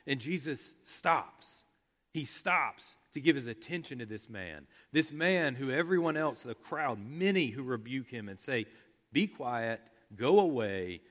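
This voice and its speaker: A man preaching a sermon, explaining scripture with emphatic repetition, at times dropping to a hush. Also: mid-range voice, lively intonation, measured pace. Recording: long reverb of a large hall.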